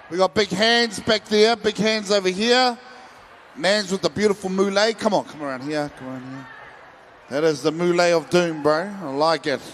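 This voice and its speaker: A high-pitched male voice with a Māori accent from New Zealand works a crowd as a live event host. He is informal and playful, calling out to people and mixing Māori words into his patter. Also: fairly bright tone, in a large hall, a little hiss or hum. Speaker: festival stage host.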